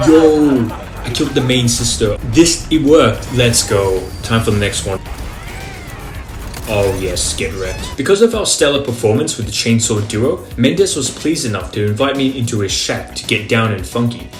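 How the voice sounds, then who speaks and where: Low-voiced man narrating gameplay in a roomy space. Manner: wry, mock-dramatic, slangy. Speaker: gaming video host. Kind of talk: scripted comedic gameplay narration. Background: music.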